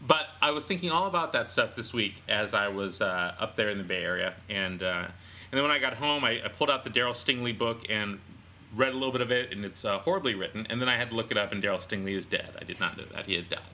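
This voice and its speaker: Man, podcast co-host, casual chat, rambling self-deprecating storyteller, sharp bright voice. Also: fairly low pitch, fast.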